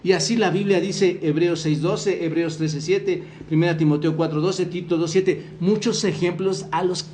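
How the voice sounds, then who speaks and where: A man's voice: high-pitched, steady tone, normal speed, few pauses, a little mellow, a little hiss or hum. A man from Mexico preaching a sermon as pastor, earnestly quoting scripture and putting questions to the congregation. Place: church hall.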